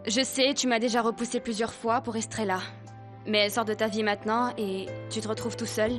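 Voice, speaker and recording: A woman's voice: a little high, fairly even intonation, brisk, faint music behind, close to an everyday voice. An actress voicing a lovesick woman tenderly declaring her love, in dubbed telenovela acting. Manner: tender, persuasive.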